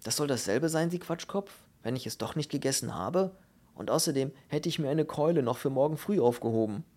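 A man's voice: mid-range voice, normal speed, a little mellow, voice pushed up, lightly acted. A man voicing a small, bald prisoner who complains and whines in a raised, indignant voice. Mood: aggrieved.

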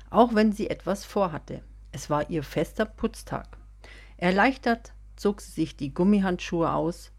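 Husky, low-voiced woman narrating a story. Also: darkish tone. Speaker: podcast storyteller. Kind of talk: scripted audiobook narration.

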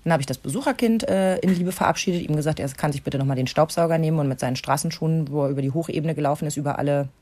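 Low-voiced German mother telling a story. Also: racing, hardly any pauses. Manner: lively retelling, acts out quoted dialogue. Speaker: podcast host, mother. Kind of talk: casual storytelling chat.

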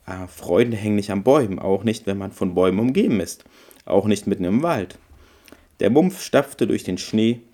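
A man, host of a podcast, gently reading a Christmas storybook tale aloud. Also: lowish voice, animated. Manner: gentle, unhurried.

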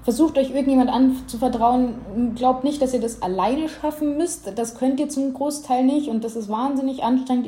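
A young woman answers interview questions with earnest conviction and speaks openly from her own experience. Her voice sits fairly high and sounds mellow rather than bright. The room around her rings with a noticeable echo. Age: young adult. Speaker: interview guest. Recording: roomy echo.

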